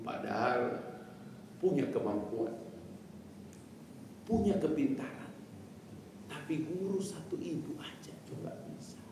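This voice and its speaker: A man's voice: on the high side, lively intonation, slow, long pauses, background noise. Man, mosque sermon, acts out voices, echoey hall, distant mic, faint ambience. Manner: dramatic storytelling, acting out voices. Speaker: preacher. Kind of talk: dawn mosque sermon with storytelling.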